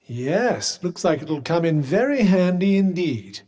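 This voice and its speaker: Long echoing reverb surrounds this scripted video game line, in which a British man plays a companion: a sentient magical cuff, sardonic and erudite. The voice sits high and is a little mellow, very animated and measured, a full character performance, formal and drily condescending, wry and observant.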